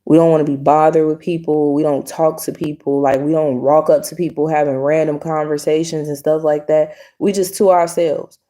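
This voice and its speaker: A woman speaking straight to camera in a frank, unvarnished monologue. Her voice sits a little low and has a mellow, soft-edged tone. She hammers her points home by saying them again and again. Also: level tone, moderate pace, hardly any pauses. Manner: blunt, emphatic, repeats her points. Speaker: vlogger. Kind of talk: casual opinion monologue to camera.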